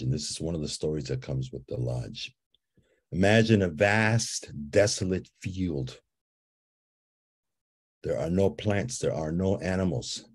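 This Guatemalan ceremony leader guides a visioning meditation while telling a story, his voice very deep and husky. Unhurried and mellow, he keeps returning to gentle, repetitive invitations to feel and to imagine.

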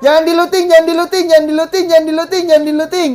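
A woman's voice: extremely high pitch, level tone, rapid-fire, darkish tone, soft background music. A woman hosting a game session, barking repeated commands at players and swearing casually. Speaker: gaming channel host. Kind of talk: live game commentary giving orders to players.

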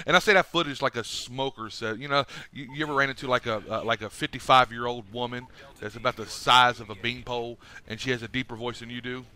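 A man's voice: medium pitch, fairly even intonation, brisk, sharp tone, clean tone. A man hosting a casual gaming vlog, talking in a loose, rambling way with many fillers and restarts. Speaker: gaming YouTuber.

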